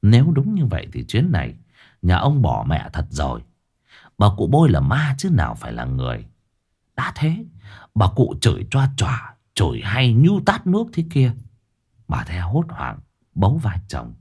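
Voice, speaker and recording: A man's voice: low-pitched, huge pitch swings, moderate pace, darkish tone, slightly rough. A man narrating a ghost story with a dramatic, varied delivery.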